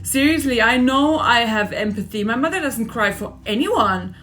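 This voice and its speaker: A vlogger in her forties rants in an emotional personal vlog over soft background music. Her voice is on the high side and fairly bright, with lively intonation at a normal speed, and she vents agitatedly, repeating herself for emphasis.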